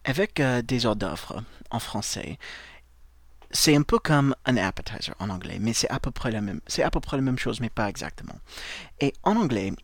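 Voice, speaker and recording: A man teaching a language lesson, speaking slowly and carefully, repeating words and spelling them letter by letter. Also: medium pitch, expressive, no echo. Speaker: English teacher.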